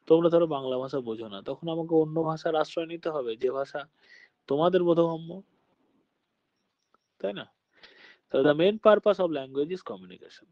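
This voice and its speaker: A man's voice: a little high, a little slow, pauses often, no room sound, dull audio. A male teacher from Birbhum giving a patient classroom lecture, often checking that his students follow. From Birbhum, West Bengal.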